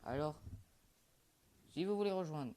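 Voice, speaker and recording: Animated yet a little slow, the mellow, mid-pitched voice belongs to a young gaming YouTuber from Quebec, Canada. He gives loose, mumbled commentary on his match, full of fillers and trailing thoughts, speaking to viewers in an offhand way.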